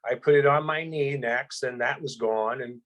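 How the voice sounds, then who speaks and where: A man in casual chat, telling his own experience in an excited, rambling way with many restarts. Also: mid-range voice, moderate pace. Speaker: guest. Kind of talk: casual chat, personal testimony.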